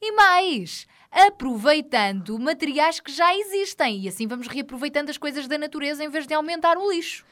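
A woman's voice: high voice, lively intonation, moderate pace, hardly any pauses, fairly bright tone. A woman with a European Portuguese accent co-hosting children's radio, chatting playfully to young listeners. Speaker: children's radio show host.

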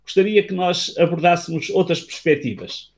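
A man with a European Portuguese accent, calmly telling a story and drawing a spiritual lesson in a teaching tone. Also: high voice, moderate pace. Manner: calm, earnest, teaching tone. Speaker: guest speaker on spiritual life. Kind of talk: reflective storytelling talk.

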